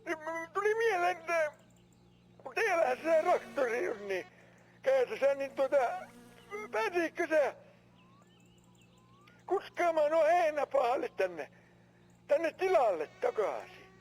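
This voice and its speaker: An older country farmer rambles hesitantly over the phone. His voice sits high and swings widely in pitch. He pauses and restarts as he asks a favor. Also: very animated. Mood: asking a favor. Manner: rambling, hesitant, rural dialect. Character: older male Finnish farmer neighbor calling.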